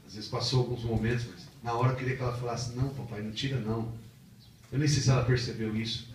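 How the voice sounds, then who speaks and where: A man's voice: mid-range voice, a little hiss or hum. Male missionary preacher, Brazilian accent, earnest sermon; distant, reverberant chapel sound. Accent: Brazilian Portuguese. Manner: heartfelt storytelling, rising to animated emphasis. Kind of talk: sermon with personal testimony. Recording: echoey chapel from far off.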